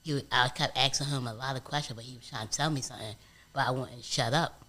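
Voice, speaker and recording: A man, a guest on a casual couch interview, telling stories in an animated way with street slang. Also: mid-range voice, fast.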